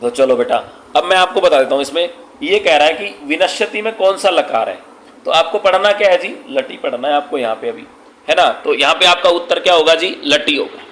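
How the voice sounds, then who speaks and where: A man's voice: on the high side, lively intonation, fairly quick, a bit bright. A man teaching Sanskrit, walking students through an exam paper, who patiently repeats each point, asks his own questions and answers them, and calls the students "beta". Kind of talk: classroom-style exam paper walkthrough. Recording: echoey room with faint background noise.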